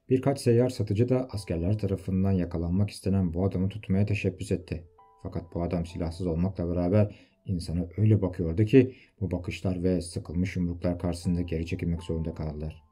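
Male audiobook narrator, very low dark voice, faint music under it. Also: husky. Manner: steady storytelling. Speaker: audiobook reader. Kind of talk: scripted novel narration.

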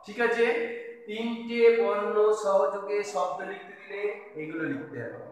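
A man's voice: high-pitched, expressive, moderate pace, a little hiss or hum. A man teaching a kindergarten video lesson, patiently spelling out letters and words one by one. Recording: echoey room from a distance.

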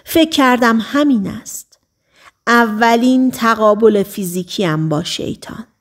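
A woman narrates a novel aloud in a fairly high voice, with measured storytelling pacing. She slows down to stress key phrases. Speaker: audiobook narrator. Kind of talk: scripted narration.

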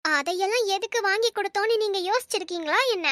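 A woman plays a sweet, generous young cartoon woman with a very high, bright voice. She speaks eagerly and affectionately, close to a dry mic. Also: quick pace, no room sound. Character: kind, generous young woman, devoted to her family. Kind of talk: Tamil cartoon voice acting.

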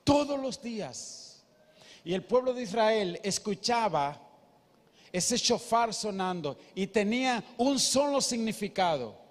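A man's voice: sits high, expressive, unhurried. A male pastor, preaching emphatically and asking the congregation questions. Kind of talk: sermon. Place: church. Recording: echoey church hall.

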